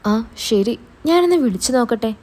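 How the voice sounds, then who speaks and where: A sly, bossy young man, as a woman storyteller puts him on talks in a casual, teasing way. The voice stays mellow and a little high. It is plainly the reader's own everyday voice with no disguise. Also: expressive, normal speed. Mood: defensive. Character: young adult man, scheming, quick-tempered with sister.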